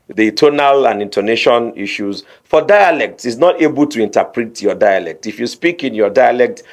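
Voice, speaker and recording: A man, a radio guest explaining a court technology program with lively anecdotes. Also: on the low side.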